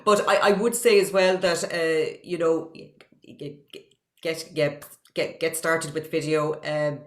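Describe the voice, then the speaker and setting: A woman's voice: low-pitched, little pitch movement, measured pace, roomy sound. An Irish woman, a guest on an interview over a video call, talking casually and stumbling through many false starts and repeated words. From Ireland. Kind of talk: casual chat.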